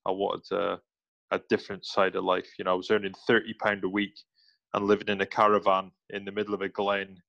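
Man, 40s, Highland Scottish accent, lowish pitch, informal and self-deprecating, chatty, slightly dull recording. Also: completely flat delivery, brisk, gravelly, a bit bright, dry recording. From Highlands of Scotland, near Inverness. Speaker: podcast guest, military veteran. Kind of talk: casual chat, personal storytelling.

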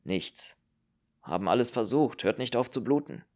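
A man's voice: mid-range voice, animated, moderate pace, a little mellow, lightly acted. A man voicing a curt, growling, exhausted male doctor in an audiobook. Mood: grim. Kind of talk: audiobook character reading.

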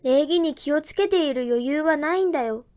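A woman's voice: high voice, fairly quick, darkish tone, close to an everyday voice. A woman voicing a round, smelly talking lie creature that grumbles bluntly. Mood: grumbling.

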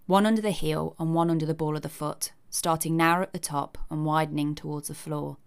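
A woman's voice: deep voice, fairly even intonation, a little fast, creaky, smooth. A woman giving a scripted narration with chatty asides in a wry, cheeky, conversational manner.

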